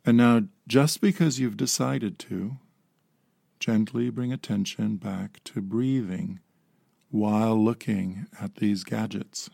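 A man in his fifties gently guiding a slow mindfulness meditation, calm and unhurried with long pauses. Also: lowish voice, creaky, no echo, clean studio sound. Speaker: meditation guide.

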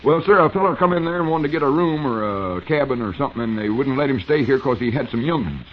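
A man's voice: medium pitch, animated, natural voice. An actor playing an earnest, plaintive country man with a rural Southern accent in a 1940s radio comedy. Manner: rustic, drawn-out folksy grammar. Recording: dull, hissy 1940s radio recording.

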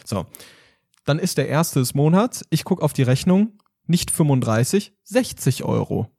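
A man's voice: on the high side, sing-song, measured pace, creaky, mellow, husky. A man casually chatting on a podcast, telling a story with lots of energy and acting out phone calls. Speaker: podcast host. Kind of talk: casual chat.

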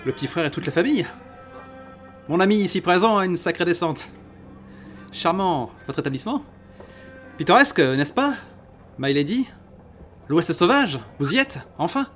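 A man voicing a smooth-talking gentleman with a suave, flowery way of speaking. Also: high voice, animated, moderate pace, pauses often. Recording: faint music behind.

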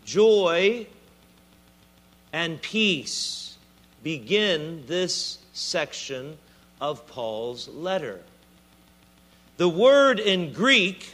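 Lively, high-voiced Southern bishop preaching. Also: male voice. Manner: expressive preaching with playful asides. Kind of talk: sermon.

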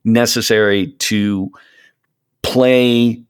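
This gaming podcast co-host, a man in his late fifties, has a fairly low, steady voice that is clear and resonant. He talks in a relaxed, thoughtful way, often halting mid-thought to gather himself.

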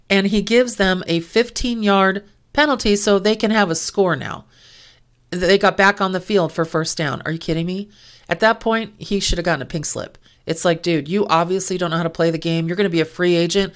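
A woman's voice: on the low side, a bit bright. A woman hosting a sports talk show, giving opinionated, exasperated football commentary with sarcastic asides. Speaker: sports podcast host. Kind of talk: casual football commentary monologue. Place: lives in California.

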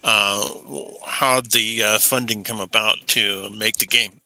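Man, podcast panelist, very bright sharp voice, dry sound, long questions. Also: fairly low pitch, fairly even intonation, takes it slowly, no room sound, low-quality recording. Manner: asks long, searching questions. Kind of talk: casual podcast chat.

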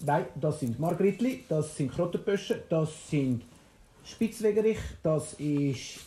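A woman's voice: sits low, animated, takes it slowly, mellow. A woman with a Swiss German accent voicing a cheerful, knowing little male robot, stretching her words in a bouncy way. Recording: roomy, echoey.

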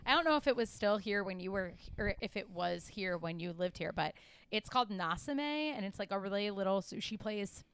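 A woman's voice: medium pitch, brisk, fairly bright tone, smooth. A young woman co-hosting a podcast, chatting casually and laughing often, with lots of "like" fillers. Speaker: podcast co-host. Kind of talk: casual chat.

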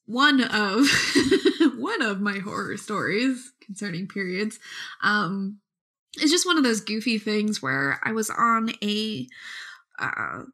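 A woman archaeologist telling a story in casual podcast chat, lively and often laughing. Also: medium pitch.

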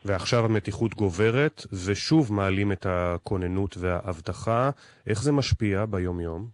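Low-voiced male news interviewer. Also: no echo.

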